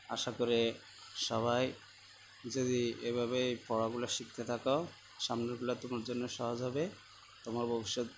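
A man teaching children in a recorded lesson, repeating each word many times in a slow, patient drill. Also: medium pitch, slight background noise. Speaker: Arabic teacher.

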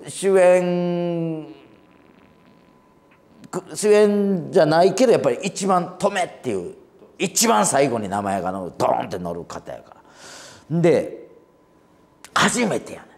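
A man in his forties with a Kansai accent, a comedian hosting a talk show and telling a lively story with laughs. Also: fairly high pitch, unhurried, creaky, long pauses. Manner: animated, laughing anecdote-telling. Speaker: comedian host.

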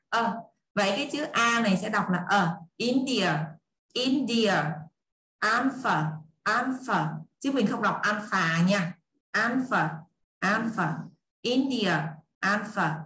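Một cô giáo giọng miền Nam dạy tiếng Anh trực tuyến cho trẻ em, hay nhắc lại, giải thích và dỗ dành học trò. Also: female voice, a little high, fairly bright tone. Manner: coaxing, repeating, explaining. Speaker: online English tutor for children. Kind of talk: teaching English to kids. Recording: echoey room, faint hiss and clicks.

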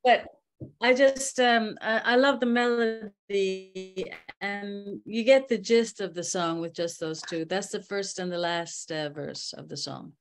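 An older woman from Newfoundland speaks at a middling pitch in a loose, candid way. She restarts phrases and leans on fillers as she recalls things. The sound is a plain laptop mic on a video call in a bright home room. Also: unhurried. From Newfoundland, Canada. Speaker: musician guest. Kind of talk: casual interview over video call.

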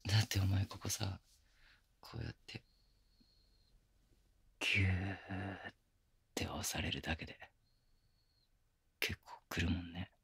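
A man playing a teasing, affectionate young boyfriend in intimate ASMR role-play, murmuring softly and very close to the microphone. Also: low-pitched, steady tone, takes it slowly, long pauses, dry recording, full character voice. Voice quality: breathy, gravelly. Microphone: very close binaural microphone, dry.

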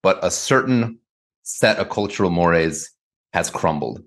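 Low-voiced american guy, guest on a podcast, hedgy and thoughtful, lots of "kind of". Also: lively intonation, measured pace, fairly bright tone. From United States. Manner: thoughtful, hedging, many "kind of" and "like". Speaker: guest author. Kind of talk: conversational interview answers.

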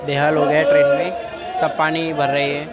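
Young male railfan vlogger, chatty and direct to camera, level delivery, loud train noise behind. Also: fairly high pitch, completely flat delivery, moderate pace, muffled recording, a loud crowd. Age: young adult. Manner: chatty, addresses viewers as friends. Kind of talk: casual travel vlog narration. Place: moving train and station platforms, at night. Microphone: phone held close or at arm's length. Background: loud train and station noise.

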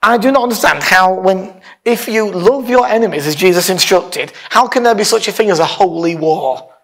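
A man with a high, somewhat bright voice preaches an informal, conversational sermon from a lectern on a church hall stage. He speaks expressively at a normal speed, stressing words emphatically and partly reading aloud.

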